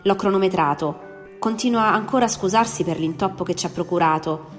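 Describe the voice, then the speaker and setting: A woman's voice: fairly low pitch, a little fast, close to an everyday voice. A woman voicing an anxious, eager male engineer colleague in a storybook reading. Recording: long reverb, faint music behind.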